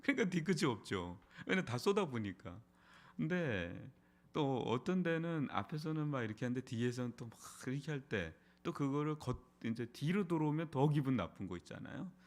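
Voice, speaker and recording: A middle-aged man, a pastor, preaching an early morning sermon in a church in a conversational way, with frequent rhetorical questions. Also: medium pitch. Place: church sanctuary.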